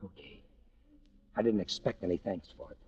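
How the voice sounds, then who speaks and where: A man's voice: sits low, normal speed, a little mellow, husky, dry recording. An actor playing a cynical, urgent American tough guy, slangy and sardonic, in an old-time radio drama. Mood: pleading. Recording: muffled vintage radio recording.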